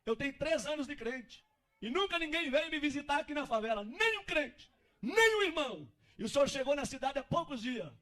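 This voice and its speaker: A man's voice: very high voice, fast, a bit bright, voice pushed up. A man voicing a poor, devout young man who speaks with fervent emotion. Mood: fervent joy.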